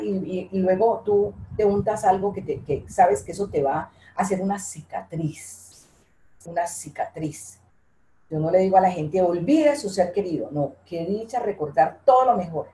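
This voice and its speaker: A woman's voice: medium pitch, warm tone. Earnest older woman in an echoey room. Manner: earnest, repeats phrases, heartfelt. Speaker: guest, interviewee's mother. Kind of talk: emotional interview talk.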